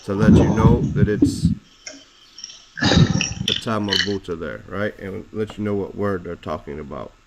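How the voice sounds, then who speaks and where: Slow, deliberate male teacher. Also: sits low, heavy background noise. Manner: slow, deliberate, spells out Arabic words. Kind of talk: classroom explanation of Arabic text.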